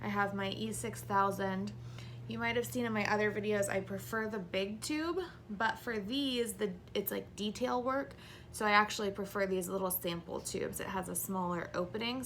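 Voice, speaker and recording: A woman's voice: medium pitch, moderate pace, a bit bright, slight background noise. A woman in her thirties, heavily pregnant and short of breath, giving a casual hands-on craft tutorial to camera. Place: small indoor craft room.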